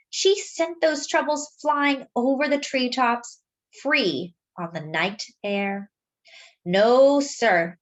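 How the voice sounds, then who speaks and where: Expressive and dramatic, a woman with a voice on the high side reads a kids' story aloud at a deliberate pace, sounding like a storyteller speaking to children.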